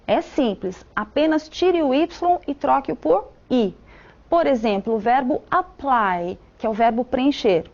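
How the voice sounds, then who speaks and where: High lively woman teacher going through grammar rules slow, kinda dull lo-fi sound. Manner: slow, spelling out rules step by step. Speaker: English teacher. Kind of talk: recorded grammar lesson.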